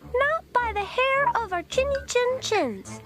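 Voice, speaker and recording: A woman voicing small storybook pigs who defiantly refuse the wolf in squeaky voices. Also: lively intonation, slow pace, a bit bright, heavily acted. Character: small frightened little pigs. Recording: background music.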